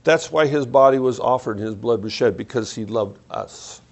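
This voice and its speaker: A man preaching a sermon, reading scripture aloud and reflecting on it, often dropping his voice low on key points. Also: moderate pace. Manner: reflective, varies pace and loudness, drops low on key points.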